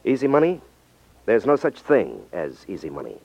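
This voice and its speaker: Worldly-wise male detective, lowish pitch, very varied inflection, old radio drama narration. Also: wildly swooping pitch, moderate pace, vocal fry, music in the background, full character voice. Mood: knowing, cynical. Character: seasoned, worldly-wise rackets detective telling his case. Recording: muffled 1950s radio recording.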